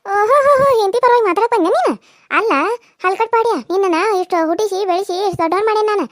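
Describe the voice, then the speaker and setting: A woman voicing a sharp-tongued older village mother-in-law in a cartoon serial, scolding loudly and rapidly. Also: very high-pitched, dry recording, clean studio sound. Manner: loud, scolding, rapid-fire nagging.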